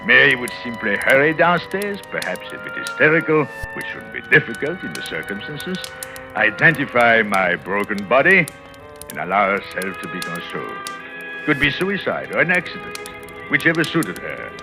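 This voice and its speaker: In an old 1940s radio thriller recording backed by dramatic music, an actor plays a scheming, self-assured husband confessing his own crime in first-person narration. His medium-pitched voice swings widely as he delivers it at a moderate pace, theatrical and intense, with a brooding, smug mood.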